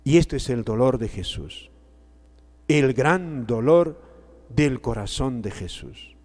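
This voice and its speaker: A male priest giving a sermon, preaching slowly and emphatically, repeating key words with pauses between phrases. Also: mid-range voice, lively intonation, a little mellow. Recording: long hall reverb.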